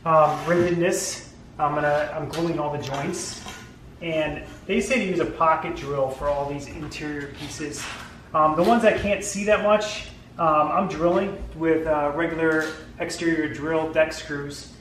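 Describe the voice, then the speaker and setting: A man's voice: on the high side, fairly even intonation, measured pace, a bit bright, roomy sound, a little hiss or hum, poor audio. A man in his forties hosting a casual DIY vlog, talking his way through a woodworking build in his garage. He rambles a little, with lots of ums and restarts. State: tired. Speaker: DIY channel host. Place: garage workshop, indoors.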